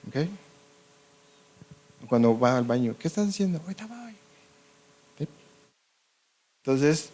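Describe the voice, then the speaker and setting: A male doctor with a Mexican Spanish accent gives a medical lecture to a live audience. His voice is dark and mellow, and he keeps asking the room "ok?" to check that they follow. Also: mid-range voice. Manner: conversational, checks in with frequent "ok?" and "¿sí o no?".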